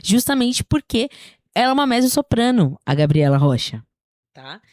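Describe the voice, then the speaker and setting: A woman's voice: fairly high pitch, big pitch swings, moderate pace, a little mellow, dry recording, clean studio sound. A woman singing teacher with a slightly sore throat, giving a casual spoken lesson, explaining things in a chatty way and often checking in with her listeners.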